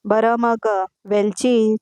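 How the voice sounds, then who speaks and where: A woman's voice: a little high, flat delivery, extremely slow, a little mellow, clean tone, no echo, studio quality. Woman voicing a playful young husband, coaxing. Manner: chatty, coaxing, mixes in English words.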